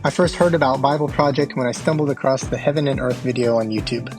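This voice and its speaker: A middle-pitched man from the American South reads a short scripted testimonial in a plain, sincere voice. Music plays clearly under him. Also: fairly even intonation, fast talker. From southern United States. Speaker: listener, artist.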